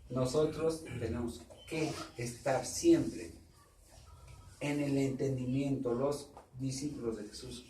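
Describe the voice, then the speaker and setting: A man with a Mexican Spanish accent preaching a sermon, repeating himself and asking the congregation rhetorical questions, at times suddenly loud. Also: medium pitch, fairly even intonation, slow. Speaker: pastor. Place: church. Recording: echoey room, distant mic, faint background noise.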